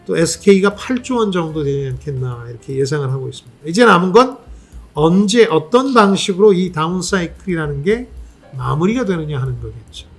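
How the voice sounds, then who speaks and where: A man hosting his own channel, giving a measured economic commentary with rhetorical questions and frequent filler sounds. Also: fairly high pitch, husky.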